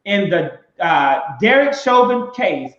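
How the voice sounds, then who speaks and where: A man's voice: sits high, big pitch swings, takes it slowly, fairly bright tone. A man from Mississippi, co-hosting a casual discussion in an emphatic, preacherly cadence. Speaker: podcast co-host. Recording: roomy, dull lo-fi sound.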